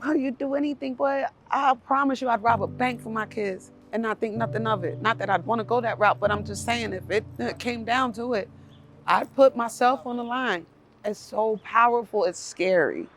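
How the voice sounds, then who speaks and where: A woman's voice: fairly high pitch, moderate pace, a bit bright, a little hiss or hum. A middle-aged woman talking openly and emotionally as an interview guest, chatting on a porch outdoors. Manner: emotional, talkative, laughs often. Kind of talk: casual outdoor conversation.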